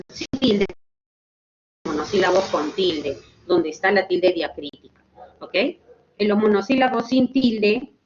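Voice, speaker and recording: A woman teacher gives an online class, walking through each point with unhurried care and pausing often to check that students follow. Her voice sits at an ordinary middle pitch. The recording is dull and lo-fi, as from a computer mic. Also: a little hiss or hum. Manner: slow, explanatory, checks in with "¿ok?".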